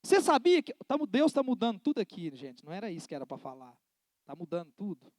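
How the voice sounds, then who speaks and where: A man's voice: high voice, big pitch swings, fast talker, darkish tone, no echo, studio quality. A man preaching a sermon as a pastor, talking in a colloquial, emphatic way and putting direct questions to the congregation.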